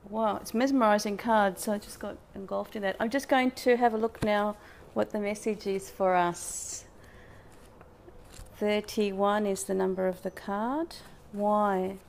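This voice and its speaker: A woman's voice: mid-range voice, darkish tone. A woman speaking as a fortune-teller style oracle card reader to live viewers, reflective and spiritual, drifting between reading out and musing.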